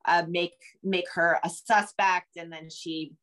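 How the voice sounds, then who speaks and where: Her voice is lowish and fairly bright, with fairly even intonation and a measured pace. She's a middle-aged American woman, a novelist and screenwriter, chatting as an interview guest on a video call from a home room with bookshelves, rambling and self-deprecating throughout.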